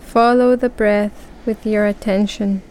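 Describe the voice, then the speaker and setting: A woman guiding a relaxation breathing exercise, speaking calmly and counting breaths aloud with long pauses. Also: medium pitch, low-quality recording. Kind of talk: guided relaxation script.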